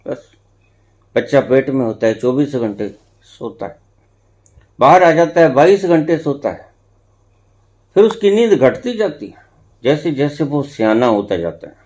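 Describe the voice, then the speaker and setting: A male spiritual teacher speaks slowly and deliberately to his followers. His pitch rises and falls widely, dropping to a hush and then lifting into emphatic lines, and he repeats phrases for effect. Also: very animated. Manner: slow, swings between hushed and emphatic, repeats phrases for effect. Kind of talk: discourse to followers.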